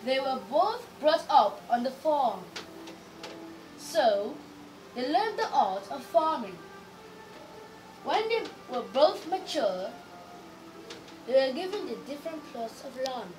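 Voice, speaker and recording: Nigerian girl reading slowly with exaggerated, swooping intonation. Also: high voice, very animated, darkish tone, soft background music. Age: child. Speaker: young reader. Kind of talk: expressive storybook reading. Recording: noisy, distant microphone.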